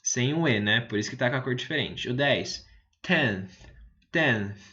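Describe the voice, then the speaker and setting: Man, teacher, patient explanation, repeats each word, checks in often, medium pitch, slightly muffled lo-fi audio. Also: sharp tone. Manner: explains slowly, repeats English words, checks understanding with "tá bom?". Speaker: English teacher. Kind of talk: explaining a lesson to viewers.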